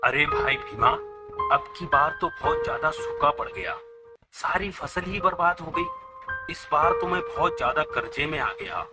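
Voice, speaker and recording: A man's voice: fairly high pitch, lively intonation, measured pace, loud music behind the voice. A man voicing a level-headed villager who brushes off his friend's fears and scolds him, in a cartoon story. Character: calm, scolding adult male villager.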